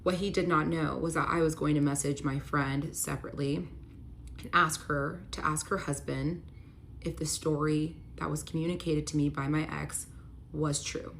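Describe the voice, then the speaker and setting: A woman with a deep, low-set voice tells her own story in a candid vlog. She talks earnestly and emotionally, often saying "like." A faint hiss sits under her voice. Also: fairly even intonation, moderate pace, vocal fry. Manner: earnest, emotional, heavy use of "like". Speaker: vlogger telling a personal story.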